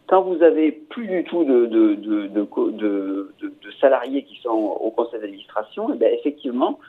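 A man's voice: lowish voice, animated, moderate pace. A man giving commentary in a radio discussion, hesitant and often repeating words with many fillers. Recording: tinny phone-line radio sound.

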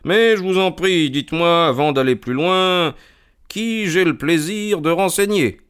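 A man doing a smooth, self-assured detective. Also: on the high side, measured pace, fairly bright tone, pitched above the performer's own voice. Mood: suave. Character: suave, sharp male detective.

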